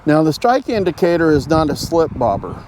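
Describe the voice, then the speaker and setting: A man giving a casual, halting, folksy fishing tutorial to camera, explaining things step by step. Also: fairly high pitch, very animated, darkish tone, low-quality recording. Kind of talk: casual instructional talk to camera. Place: outdoors at home beside a pond. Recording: outdoor ambient road noise. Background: road noise.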